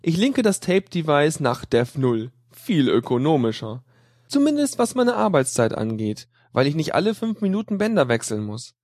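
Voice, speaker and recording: A man's voice: a little high, very animated, normal speed, darkish tone, no room sound, studio quality. A man reading a first-person audiobook in a sardonic, dryly mocking tone. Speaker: audiobook reader.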